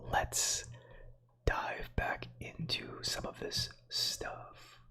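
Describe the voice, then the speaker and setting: Here is an ASMR streamer from the United States, a Slovak-native man in his thirties, softly whispering space facts. His breathy voice wanders off into chatty asides aimed at the viewers.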